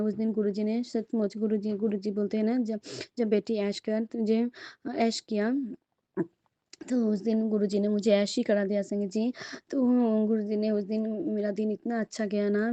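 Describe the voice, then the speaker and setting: A woman's voice: medium pitch, dark tone, no echo, muffled recording. A woman sharing a devotional testimony and prayer, speaking earnestly and addressing her listeners and guru again and again.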